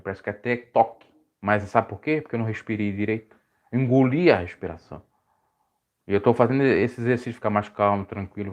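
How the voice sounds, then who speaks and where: Rambling preacher man. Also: highs cut off. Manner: rambling, self-correcting, pitch swings high when emphatic. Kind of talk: casual live-stream preaching.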